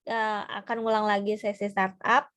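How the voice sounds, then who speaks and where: A woman's voice: mid-range voice, flat delivery, moderate pace, fairly bright tone. A woman giving a casual seminar talk on personality types, chatty and full of fillers and tag questions. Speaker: trainer.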